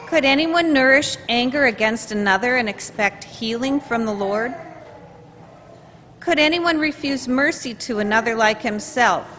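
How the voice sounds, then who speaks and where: A woman reads scripture slowly and deliberately, her voice a little high for her sex. She speaks into a lectern mic in a big church, picked up by a distant camera. A long reverb and faint hiss trail her words. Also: lively intonation, a bit bright. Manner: measured, formal reading. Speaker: lector. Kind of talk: scripture reading at Mass. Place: large church, far from the camera.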